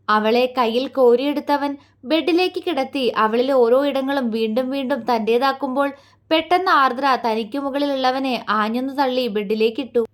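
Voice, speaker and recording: A woman's voice: high voice, a bit bright. A woman narrating a romantic audio story in a tender, intimate way.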